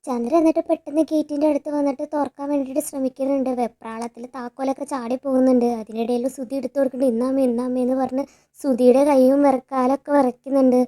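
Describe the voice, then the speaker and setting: A woman's voice: high voice, little pitch movement, quick pace, warm tone. A woman in casual, chatty narration, retelling a TV serial episode scene by scene. She keeps adding a tag word to her sentences and often restarts a word mid-sentence. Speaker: serial recap host.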